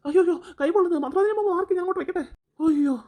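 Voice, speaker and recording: A woman's voice: medium pitch, big pitch swings, racing, mellow, lightly acted. A woman voicing an eager, servile, bumbling witch's helper in a cartoon. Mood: yelping.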